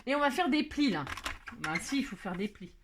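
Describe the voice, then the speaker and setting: Craft host, woman, high lively voice, scatterbrained and self-mocking, noisy home recording. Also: brisk. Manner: chatty, scatterbrained, laughs at herself; sings playfully while working. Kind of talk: casual craft tutorial.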